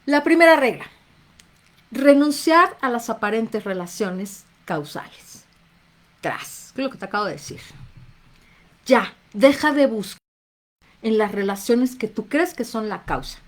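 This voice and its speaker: A woman's voice: on the high side, animated, normal speed. A woman with a Mexican accent, a therapist talking to viewers on a live stream in a casual, conversational way and greeting them by name. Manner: conversational, reads out viewers' names, acts out little inner voices.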